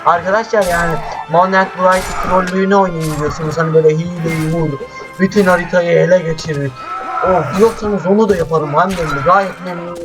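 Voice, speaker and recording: A man doing casual let's-play commentary, chatty and excitable, swearing often and talking straight to his viewers. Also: high voice, a little fast, rough recording. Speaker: gameplay commentator. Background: faint game music.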